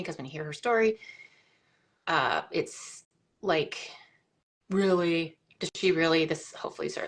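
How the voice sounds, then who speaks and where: A woman's voice: lowish voice, fairly bright tone. Chatty woman hosting a live call. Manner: rambling, chatty, many fillers and restarts. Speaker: host of a live video chat. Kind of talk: casual live-stream chat. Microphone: video call.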